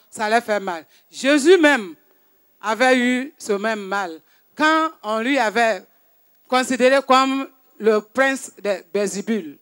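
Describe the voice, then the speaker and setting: A man with a very high, smooth voice interprets a sermon into French. He renders each phrase in a steady, earnest way. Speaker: interpreter for the preacher.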